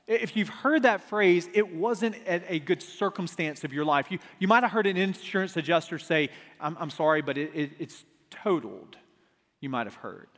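A man preaching a Bible teaching sermon at a pulpit microphone, emphatic, with dramatic pauses, repeated phrases and rhetorical questions. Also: sits high, a bit bright. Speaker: pastor preaching to a congregation. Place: large, reverberant church hall. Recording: echoey large hall through pulpit microphone.

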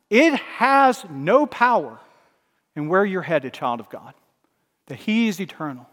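A man's voice: sits high, big-room sound. A man from Alabama, a pastor, preaching a sermon with emphatic swells and drops in volume.

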